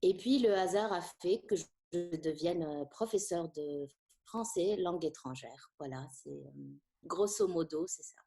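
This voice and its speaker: A middle-aged Tunisian woman whose first language is Arabic, a French teacher, talks thoughtfully in a conversational interview. Her mellow voice sits on the low side, and she hesitates often, pausing with frequent fillers.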